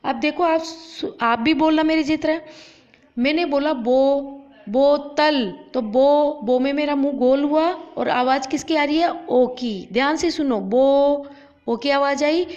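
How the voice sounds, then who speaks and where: A woman teacher giving an online lesson to children, stretching out example words slowly and asking questions that she answers herself. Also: sits high, a little mellow. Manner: slow, drawn-out pronunciation of example words. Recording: dull lo-fi audio.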